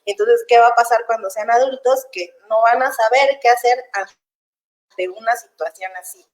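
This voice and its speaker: A young woman talks casually about raising children, chatty and quick to laugh. Her voice sits a little high. The sound is roomy and echoey. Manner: warm, chatty, laughs easily, acts out parents' voices. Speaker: child development specialist guest. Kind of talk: casual explanatory talk. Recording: echoey room.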